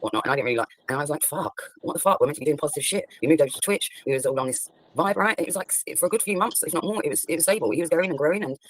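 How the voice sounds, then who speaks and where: A man's voice: a little high, animated, racing, hardly any pauses, fairly bright tone, dry recording, poor audio. A man on a livestream who talks bluntly, swears constantly and rambles through many fillers. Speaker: streamer. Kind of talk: heated livestream conversation.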